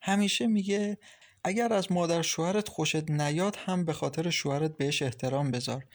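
A man's voice: fairly high pitch, natural voice. A man voicing a caring, talkative young wife who gives kind, lecturing advice in an audiobook. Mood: advising. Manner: lively, reassuring, lecturing kindly. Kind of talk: audiobook character reading.

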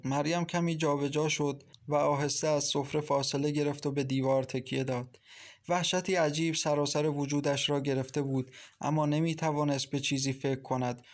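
A man narrating a story aloud in a steady, measured reading style. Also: on the high side. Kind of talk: audiobook narration.

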